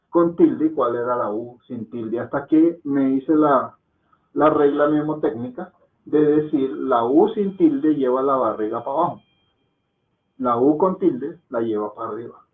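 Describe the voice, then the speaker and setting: A man leads an online class, explaining patiently and pausing to ask whether everyone follows. His voice sits at a middling pitch, and it comes through a narrow, tinny line that sounds like a phone call. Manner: patient, explains slowly and checks understanding with frequent "¿sí?". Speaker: Hindi teacher.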